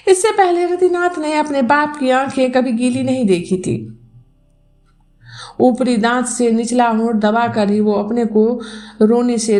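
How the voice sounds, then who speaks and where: A woman narrating a Hindi novel episode in a slow, measured storytelling voice. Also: fairly high pitch, darkish tone. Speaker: audiobook narrator. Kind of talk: scripted narration.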